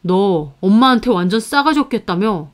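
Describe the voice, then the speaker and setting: A woman's voice: medium pitch, expressive, normal speed, natural voice. A woman voicing a cold, dismissive husband who belittles his wife. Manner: curt and dismissive. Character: cold, belittling husband, young adult man.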